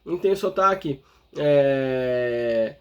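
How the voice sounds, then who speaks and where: A man's voice: medium pitch, expressive, slow, clean tone, lo-fi sound. A man from Brazil with a Brazilian Portuguese accent, teaching an English grammar lesson step by step and often checking in with the viewer. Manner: explains step by step, constantly checking in with the listener. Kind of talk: explanatory online lesson.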